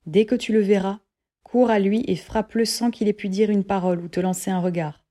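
A woman's voice: medium pitch, fairly even intonation, fairly quick, mellow, natural voice. A woman voicing a frightened, haunted tyrant king who speaks in an uneasy, pleading way.

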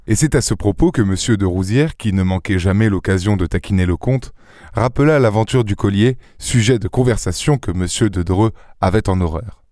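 A man reading a classic novel aloud as an audiobook narrator, in a measured storytelling delivery into a close studio microphone. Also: lowish voice, a little mellow, dry recording. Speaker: audiobook reader. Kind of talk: scripted literary narration.

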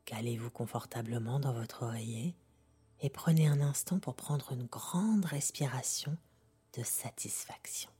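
A woman softly guiding a sleep meditation like a sleep story narrator, half-whispering in a calm, gentle, unhurried way. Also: a bass voice. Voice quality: soft, breathy, half-whispered. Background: music.

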